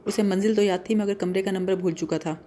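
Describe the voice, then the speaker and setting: Woman narrator reading a novel, calm and measured, mellow warm tone. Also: medium pitch, slight background noise. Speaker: audiobook narrator.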